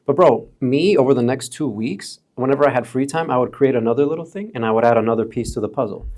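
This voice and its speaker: Man in his thirties, from chicago area, laid-back storyteller, mid-pitched voice. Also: fast talker, darkish tone. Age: 30s. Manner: laid-back, calls friends bro and dude. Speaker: podcast guest. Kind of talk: casual storytelling chat.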